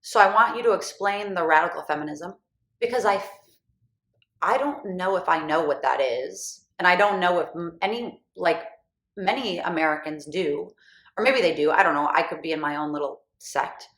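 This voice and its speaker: A woman hosting a podcast, talking in a chatty, animated way and filling her speech with "like.". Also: fairly low pitch, moderate pace. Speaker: podcast host. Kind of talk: casual chat. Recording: echoey room.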